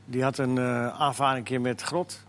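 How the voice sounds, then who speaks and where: A man's voice: medium pitch, little pitch movement, moderate pace, slight background noise. A man hosting a sports talk show, hesitant and full of fillers, putting questions to his panel. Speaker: radio host.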